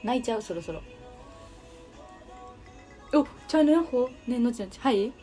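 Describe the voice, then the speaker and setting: A woman's voice: on the high side, animated, normal speed, warm tone, faint music behind. A young woman with a Kansai Japanese accent hosting a casual livestream, chatting and answering viewer comments. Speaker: livestream host.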